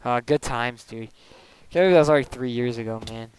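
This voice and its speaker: A young adult man streams a video game, rambling casually with plenty of "like" fillers and quick laughs. He speaks at a medium pitch with a clean tone into a desk microphone at home.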